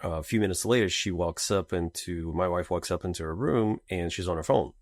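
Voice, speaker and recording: A man's voice: deep voice, a little fast, darkish tone, no echo, clean studio sound. A man speaking as a guest on a podcast, telling stories about his kids in casual conversation, hesitant and full of fillers and restarts. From Russia.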